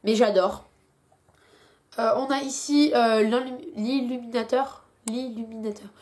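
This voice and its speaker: A woman's voice: on the high side, measured pace, a little mellow. A young woman chatting casually in a beauty product review, full of hesitations, while she has a headache. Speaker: beauty vlogger.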